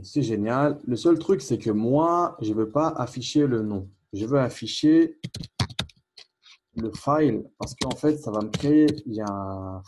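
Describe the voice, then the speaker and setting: A man giving a casual screencast programming lesson, thinking aloud with fillers and quick asides as he types. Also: medium pitch, darkish tone, husky. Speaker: programming instructor. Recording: faint keyboard clicks behind.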